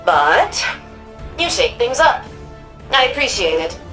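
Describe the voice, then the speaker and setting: An actress playing an authoritative, wry older female city administrator in a sci-fi game, delivering scripted mission dialogue in a crisp, commanding manner. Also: a little high, very animated, takes it slowly, a bit bright, soft background music, heavily acted. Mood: weary, reflective.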